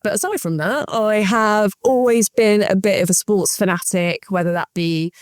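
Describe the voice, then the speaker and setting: A woman's voice: mid-range voice, moderate pace, dry recording, studio quality. A woman in her twenties co-hosting a podcast, chatting in an upbeat, self-mocking way. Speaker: podcast co-host. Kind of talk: casual podcast chat.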